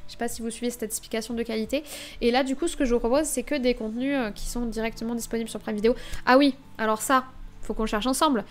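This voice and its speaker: A woman's voice: a little high, fairly even intonation, fast. A young woman streaming live, chatting casually and thinking aloud while she browses the week's releases.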